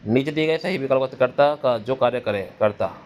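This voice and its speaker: A man's voice: medium pitch, fairly quick, a little mellow. A man teaching an exam-prep grammar lesson, asking questions and answering them himself while repeating key terms. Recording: dull lo-fi recording with faint noise.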